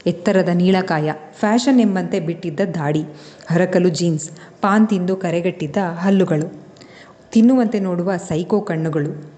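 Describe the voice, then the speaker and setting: Woman storyteller, low and mellow, steady expressive narration, long reverb. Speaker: storyteller and channel host.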